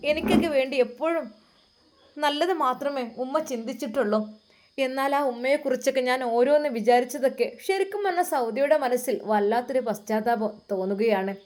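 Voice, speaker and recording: High-voiced woman telling a dramatic story. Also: brisk, a little mellow, slight background noise. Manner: emotive, addresses listeners directly.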